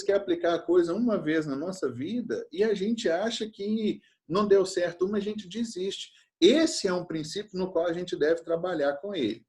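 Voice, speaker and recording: A man's voice: on the high side, darkish tone. Man teaching a fathers' session. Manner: tells stories and acts out quoted lines.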